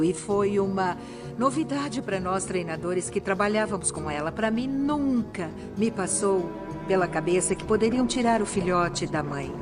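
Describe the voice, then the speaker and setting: A woman, a former trainer, recounting memories in a documentary interview. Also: fairly low pitch. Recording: clear music behind the voice.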